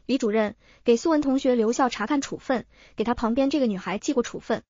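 A fawning, nervous fat middle-aged principal, as a woman narrator puts him on. A fairly high voice, heard dry in a dull lo-fi storybook recording. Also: quick pace, darkish tone, no echo, lightly acted.

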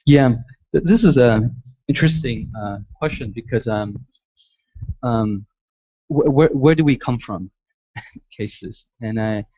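A man's voice: mid-range voice, slow pace, pauses often, warm tone, lo-fi sound. A man from Malaysia who grew up in the United States, answering audience questions at a lecture in a hesitant way with many restarts. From Malaysia, raised in the United States. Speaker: guest architect lecturer. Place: large lecture hall.

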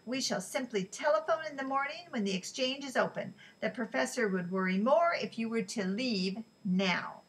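A woman's voice: fairly high pitch, lively intonation, normal speed, few pauses, distant mic, lightly acted. A woman reading aloud who voices a worried grown son pleading with his mother, in a slightly raised voice. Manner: pleading, fussing. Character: anxious protective middle-aged son.

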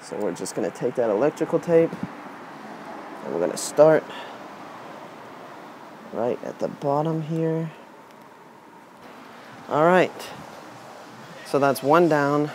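Working with his hands outdoors on a wooden porch, a DIY presenter in his twenties talks through a casual, unscripted how-to. His voice sits on the high side, he speaks slowly with long pauses, and the recording is rough, outdoor camera audio with constant background noise.

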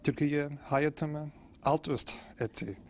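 A man's voice: fairly high pitch, fairly even intonation, takes it slowly, slight background noise. A middle-aged man speaking careful learner's Turkish as a foreign student in a casual interview. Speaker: language student being interviewed. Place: indoor cultural center room. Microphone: handheld interviewer's microphone.

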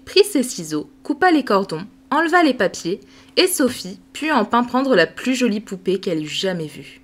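A woman reading a classic children's novel aloud as an audiobook, with measured, clear storytelling. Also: medium pitch. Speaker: audiobook reader. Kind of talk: scripted narration.

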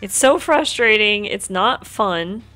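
Woman, game streamer, live commentary, blunt, swears a lot, bright tense voice. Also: medium pitch, expressive, takes it slowly. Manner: blunt and profane, talks to herself.

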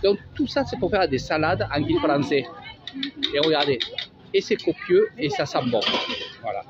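A man's voice: a little high, huge pitch swings, normal speed, very noisy. A man with a Marseille accent, chatty and sing-song, giving a casual walking tour of an outdoor market as a travel vlogger. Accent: Marseille French. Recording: dull lo-fi audio with music.

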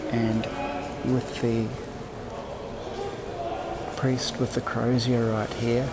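A vlogger narrates his own walking video, giving explanatory on-location commentary into a handheld camera and pointing things out in a halting, deliberate manner. His voice is mid-range with a level tone. The handheld recording is noisy with city traffic, street and ambient noise.

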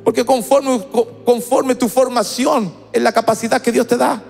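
A high-voiced male preacher delivers an emphatic, chanting sermon in church. He acts out his story with vivid emphasis. Soft music plays faintly behind him. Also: steady tone, normal speed, gravelly, long reverb tail. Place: church service.

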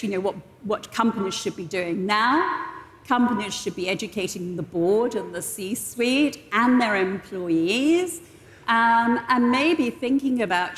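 A woman speaks as an expert guest on a conference stage. Her delivery is measured and explanatory at a medium pitch, with strong echo and long hall reverb around the voice. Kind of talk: on-stage interview, advisory explanation. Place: large indoor conference stage.

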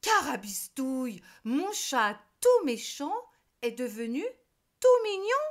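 A woman voicing a grumpy old witch who is startled, in a children's storybook reading, with high, loud exclamations. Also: big pitch swings, slow, full character voice. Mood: astonished.

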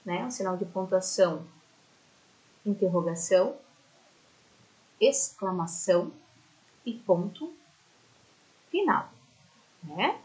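Slow, lively Brazilian woman teacher. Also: medium pitch, low-quality recording. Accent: Brazilian Portuguese. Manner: affectionate, explains slowly, often adds "né?". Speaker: primary school teacher. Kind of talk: recorded remote lesson.

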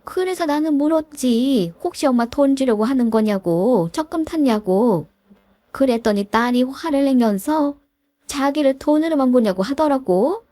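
A woman's voice: high-pitched, animated, normal speed, mellow, dry recording, pitched above the performer's own voice. A woman voicing a pushy, self-pitying older mother-in-law in a storybook drama, wheedling and guilt-tripping. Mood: pleading, pushy.

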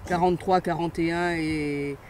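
An older woman, president of an angling club, chats cheerfully while fishing from a riverside platform, her voice on the low side and unhurried. She's talkative and laughs easily, and the outdoor recording carries steady noise.

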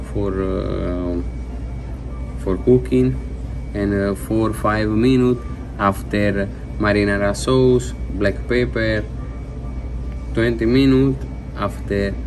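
Slow-spoken Italian chef, halting English. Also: male voice, fairly low pitch. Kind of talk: explaining dishes in an interview. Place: indoor restaurant booth. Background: background music.

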